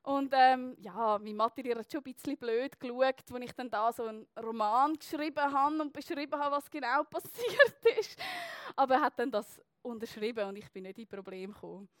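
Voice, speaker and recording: A young woman with a Swiss German accent tells a personal story to a live audience, chatty and loose, full of little fillers and tag questions. Her voice sits high. The sound is close and dry, with no room around it. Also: expressive, brisk, no room sound.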